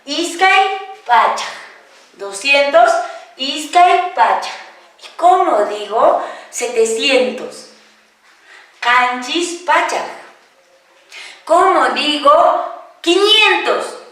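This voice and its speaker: A woman with a high voice teaches a class, speaking very slowly and stretching out each word. She patiently asks questions and answers them herself. Her voice rings through an echoey room, picked up from some distance away. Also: expressive, a bit bright. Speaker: Quechua teacher. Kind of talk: classroom-style language lesson, question and answer.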